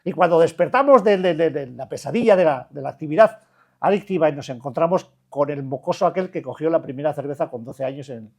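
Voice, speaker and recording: Older man, Basque Spanish accent, recovery-group speaker, blunt and colloquial, a bit high-pitched. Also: fairly quick, vocal fry, a little mellow. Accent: Spanish, Basque Country. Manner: colloquial and blunt, many restarts and rhetorical questions. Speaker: addiction recovery counselor. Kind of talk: informal talk to a recovery group.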